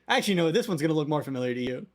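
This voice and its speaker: Young male game master, casual and chatty, slightly high voice. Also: very fast. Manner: relaxed, chatty, improvising rulings. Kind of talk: casual tabletop game narration.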